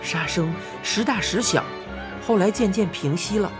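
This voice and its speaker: A woman narrating a children's fantasy story as an audiobook, expressive and rising to cries in excited passages. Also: mid-range voice, normal speed, over music.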